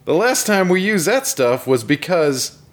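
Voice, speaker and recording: A man voicing a small, eager young male robot during a comic script table read, speaking high and excitably. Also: measured pace. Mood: curious.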